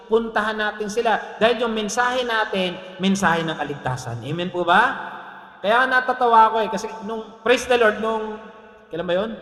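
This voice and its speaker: High, bright-voiced pastor preaching. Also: male voice. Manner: lively, joking, laughs often, asks "Amen?". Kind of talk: Taglish sermon. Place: church hall. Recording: echoey hall with long reverb.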